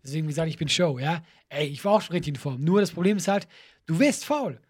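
A man's voice: a little high, fast, breathy edge. A man chatting casually on a podcast, telling a story with laughs and acted-out quotes. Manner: animated storyteller, laughs often, acts out quotes. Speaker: podcast co-host. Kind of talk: casual chat.

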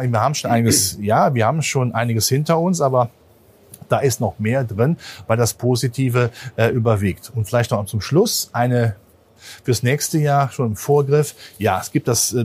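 A man as a market analyst guest in an interview, talking in an animated, emphatic way with many fillers, recorded on a stock exchange trading floor. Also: medium pitch, husky.

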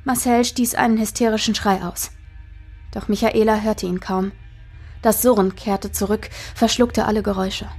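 A woman's voice: mid-range voice, a little mellow, breathy edge. A woman narrating a dramatic audiobook in a tense storytelling manner.

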